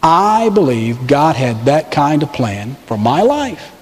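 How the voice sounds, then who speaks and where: A middle-aged man from the American South preaching a sermon as pastor, animated and acting out the voices he quotes. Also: slow pace, big-room sound. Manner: animated, acts out quoted voices with pitch swings.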